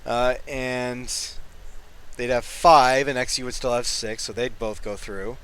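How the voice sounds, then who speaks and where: Man, tired and yawning, streaming football commentary, joking asides, bright and forceful tone, smooth crisp voice. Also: medium pitch, steady tone, a little slow. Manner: jokey, rambling asides, laughs often. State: sleepy, yawning.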